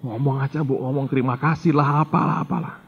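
A man's voice: medium pitch, fairly even intonation, fast talker, breathy edge, muffled recording. A middle-aged male pastor, telling a story in a sermon and acting out the dialogue while addressing the congregation.

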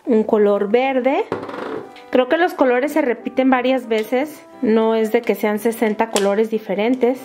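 A woman with a Latin American Spanish accent hosting a children's toy video in a bright, sing-song, excited manner. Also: on the high side, unhurried. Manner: bright, sing-song, excited, addressing little viewers with diminutives. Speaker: host of a children's toy channel. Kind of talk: toy unboxing and craft narration for children. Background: background music.

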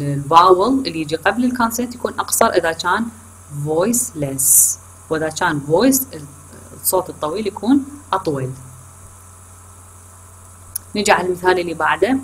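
A woman's voice: on the low side, husky, low-quality recording. A woman with an Iraqi Arabic accent gives a recorded online lecture to her students. She mixes English terms into her explanations, corrects herself often and checks in with questions. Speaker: university lecturer.

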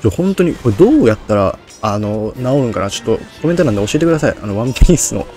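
Over soft background music, a man streams a game with casual, rambling Let's Play commentary, making fun of himself in slurred, hard-to-catch speech. His voice is lowish, warm and sing-song, delivered rapid-fire.

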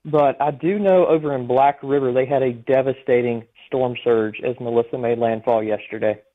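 A man's voice: medium pitch, fairly even intonation, moderate pace. A man giving a live eyewitness report as a storm chaser in a phone interview. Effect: phone line. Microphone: telephone. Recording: thin, narrow-band phone line.

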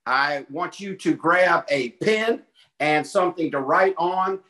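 A man's voice: on the high side, slow pace, bright, forceful tone. A man in his late fifties with a Southern twang, hosting a business call with folksy, enthusiastic hype. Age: 50s. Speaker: call host. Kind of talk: hyped conference call intro.

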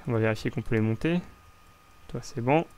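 A man's voice: mid-range voice, brisk, a little mellow. A young man with a French accent chatting casually as he plays a building game, rambling with lots of restarts. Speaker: Minecraft let's play host. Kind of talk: casual gameplay commentary.

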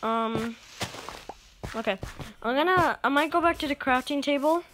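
A woman's voice: sits high, normal speed, fairly bright tone, slight background noise, low-quality recording. A woman hosting a casual let's play, rambling along with many filler sounds as she plays. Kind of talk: casual gameplay commentary.

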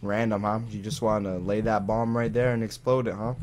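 A man's voice: lowish voice, steady tone, fairly quick, darkish tone, a little hiss or hum. A man playing a video game with friends, chatting casually in a playful, teasing way. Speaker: Minecraft player, channel co-host. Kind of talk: casual gaming chat with friends.

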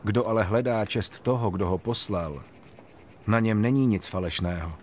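A man voicing Jesus as a calm, authoritative teacher, speaking in a solemn, measured way over soft music in a Bible story. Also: fairly low pitch, slight background noise, close to an everyday voice.

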